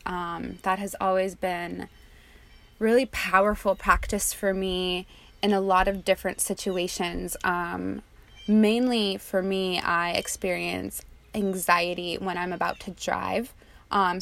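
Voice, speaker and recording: Slow, soft-spoken young woman guiding meditation. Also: mid-range voice, vocal fry. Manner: soft, calm and unhurried, with casual fillers. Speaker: meditation guide. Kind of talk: guided meditation and personal reflection.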